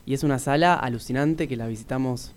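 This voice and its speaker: A man's voice: mid-range voice, fast. A man, a musician guest talking casually and thoughtfully in a radio interview, with many restarts.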